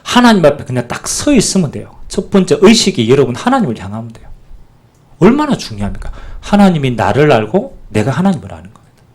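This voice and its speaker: Lively-pitched man preaching a sermon. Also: quick pace, slightly rough. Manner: animated preaching with call-outs for amen. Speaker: pastor.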